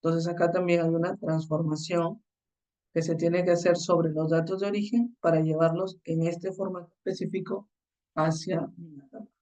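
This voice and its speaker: A course instructor giving a recorded lecture on the slides, explaining step by step and often checking in with a quick tag question. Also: medium pitch, level tone, warm tone, distant mic, rough recording.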